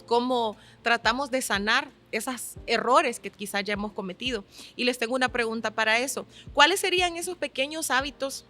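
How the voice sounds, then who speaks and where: Bright Honduran woman hosting. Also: on the high side. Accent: Honduran Spanish. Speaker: podcast host. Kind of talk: conversational hosting.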